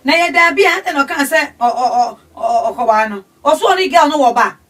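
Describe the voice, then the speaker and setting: A middle-aged woman with a Ghanaian accent hosting a call-in advice show in a small radio studio, animated and gesturing as she talks. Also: high-pitched, normal speed. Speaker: radio host and counselor. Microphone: studio mic, camera across the room. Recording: distant camera audio in studio.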